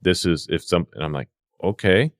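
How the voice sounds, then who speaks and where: On a podcast, a middle-aged man who is a veteran EMS worker recounts casual anecdotes, animatedly voicing the dialogue along the way. He speaks in a low voice at normal speed.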